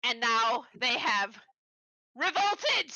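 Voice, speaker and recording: A woman voicing a small, frantic male goblin tinkerer who rambles and shouts in a high, panicked voice. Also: big pitch swings, drawn-out words, dry recording, heavily acted, poor audio. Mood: rambling.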